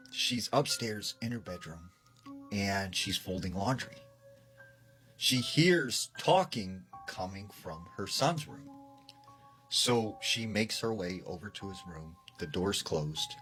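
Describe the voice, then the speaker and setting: A man's voice: on the low side, sharp tone. A man casually retelling a scary story, with frequent fillers.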